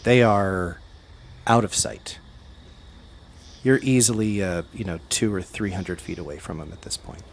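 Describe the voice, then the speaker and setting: Low-voiced man running a tabletop game. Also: a little slow, gravelly, long pauses. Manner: descriptive, hesitant with fillers. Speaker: game master.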